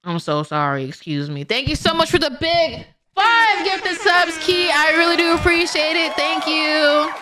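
Lively slangy woman streamer. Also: very high voice, unhurried, hardly any pauses, a loud crowd. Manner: slangy, blunt, says "bro" often. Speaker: streamer reacting to a video. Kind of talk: live stream reaction commentary.

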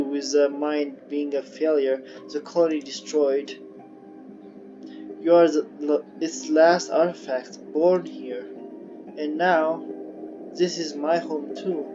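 A man reading aloud the lines of a woman scientist exploring an alien ocean, slow and earnest, with halting restarts. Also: a little high, steady tone. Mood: reflective. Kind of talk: reading game dialogue aloud. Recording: dull lo-fi audio with game music.

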